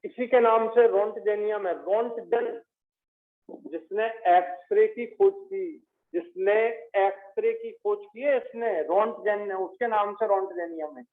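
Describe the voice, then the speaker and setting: Guy teaching chem, slow and high, says every name over and over, thin phone-ish audio. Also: narrow, tinny audio. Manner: repeats each element name slowly, drilling students. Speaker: chemistry teacher. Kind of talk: classroom lecture.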